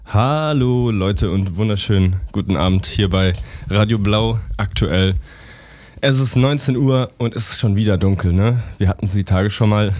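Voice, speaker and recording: A young man hosting a casual radio interview in a studio, relaxed and chatty with many fillers. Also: lowish voice, moderate pace, no echo. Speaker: radio host. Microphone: studio microphone.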